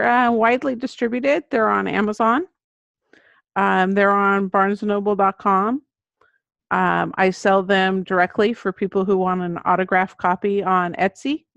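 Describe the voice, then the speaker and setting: Her mid-range voice has a creaky quality, and the recording is dry, dull, and lo-fi. She's a middle-aged children's book author giving conversational answers as an interview guest.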